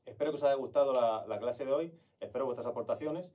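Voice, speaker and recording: A man's voice: mid-range voice, quick pace, mellow, distant mic. A man teaching flamenco hand-clapping in an online lesson, explaining the rhythm and counting the beats aloud.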